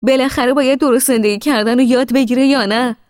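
A woman reading a story voices a bitter, irritated adult brother who scolds loudly and sharply, with long reverb on her voice. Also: on the high side, animated, clean studio sound, voice pushed up, close to an everyday voice. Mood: exasperated scolding. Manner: loud, scolding, exasperated.

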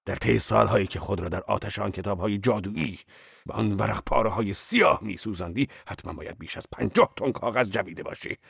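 Brief: male narrator voicing a passionate, rough old worker in an audiobook, gravelly and deep, pushing hard with questions. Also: a bit bright, no echo, clean studio sound, exaggerated voice. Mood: demanding. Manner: blunt, demanding questioner.

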